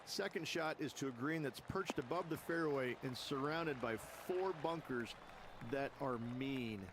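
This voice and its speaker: A man giving measured, explanatory colour commentary in a golf video game. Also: medium pitch, noisy background, lightly acted. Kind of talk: sports commentary.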